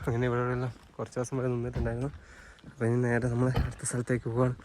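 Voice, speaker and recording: A man's voice: mid-range voice, monotone, very fast. A man with a Kerala Malayalam accent chattily narrating a casual travel vlog to his viewers on a handheld phone. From Kerala, India. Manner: chatty, addresses viewers informally. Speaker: travel vlogger. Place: on the move outdoors and in buses. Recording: loud traffic and engine noise.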